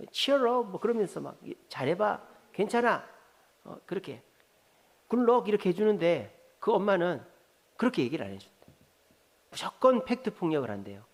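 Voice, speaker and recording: A man's voice: high voice, darkish tone. A man preaching a Sunday afternoon sermon as a pastor, telling stories, acting out quoted lines and putting questions to the congregation.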